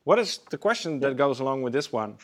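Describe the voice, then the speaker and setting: A man's voice: mid-range voice, very animated, quick pace. A man hosting an interview podcast, with an upbeat, welcoming presenter delivery. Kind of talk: scripted show introduction and interview.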